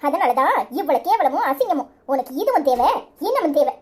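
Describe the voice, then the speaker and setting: A furious village woman from a Tamil cartoon, speaking with a Tirunelveli accent. Her voice is fairly high but pushed lower and heavier as she berates relentlessly. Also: sing-song, brisk, darkish tone. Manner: harsh, berating. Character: fierce protective woman, furious scolder. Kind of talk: cartoon voice acting.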